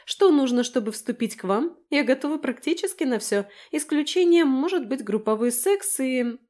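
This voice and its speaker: A cheeky, mocking young woman who never stops talking, her voice pitched up high and bouncing with sarcasm, as a woman reads her in an audiobook. She teases everyone around her. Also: animated, normal speed, darkish tone. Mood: sarcastic. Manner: teasing, mocking. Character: brash sarcastic chatty young woman friend. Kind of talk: audiobook character voice.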